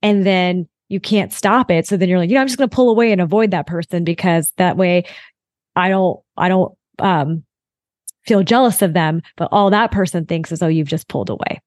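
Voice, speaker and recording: A woman's voice: on the low side, fairly quick, a little mellow, no echo, studio quality. A woman in her late thirties, a podcast guest chatting over a video call and acting out her own thoughts in quotes. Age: late 30s. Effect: heard over a video call. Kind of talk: casual interview chat.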